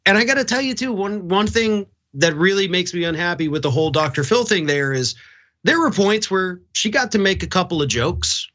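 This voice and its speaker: A man's voice: high voice, lively intonation, brisk, pushed and bright, dull audio. A middle-aged man co-hosting, giving opinionated, emphatic and disapproving conversational commentary. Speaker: co-host.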